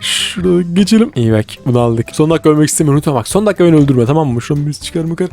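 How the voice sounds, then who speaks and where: A man giving excitable live gameplay commentary, reacting with quick exclamations and urgent repeated words. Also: fairly high pitch, soft background music. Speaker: gaming video creator.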